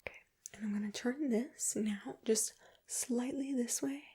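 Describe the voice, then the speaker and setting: A woman doing a whispered role-play as an ear examiner, speaking in a breathy, gentle, reassuring whisper with close personal attention. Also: on the high side, unhurried. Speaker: ASMR performer playing an ear examiner.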